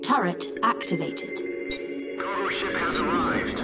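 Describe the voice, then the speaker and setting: A woman voicing a synthetic, robotic computer announcer in a video game, giving flat, clipped status reports. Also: on the low side, unhurried, loud music behind the voice. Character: female computer announcer of a defense base.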